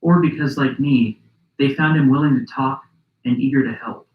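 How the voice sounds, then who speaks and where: A man hosting and narrating a documentary podcast in a measured, reflective scripted style. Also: medium pitch, steady tone, reverberant, highs cut off.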